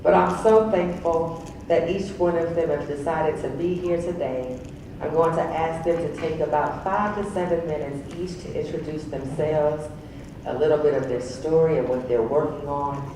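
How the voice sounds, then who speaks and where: A woman moderates a panel in a big conference hall, encouraging and upbeat, reading out each name slowly. Her voice carries from far off with strong hall echo and noticeable background noise. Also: deep voice, steady tone. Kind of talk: introducing a panel.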